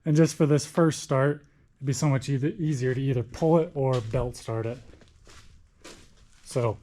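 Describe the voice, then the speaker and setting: A young man chatting casually as he walks through his barn and shop showing off old tractors, folksy and quick to correct himself. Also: mid-range voice, fairly even intonation, mellow, poor audio. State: out of breath. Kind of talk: casual walkthrough talk.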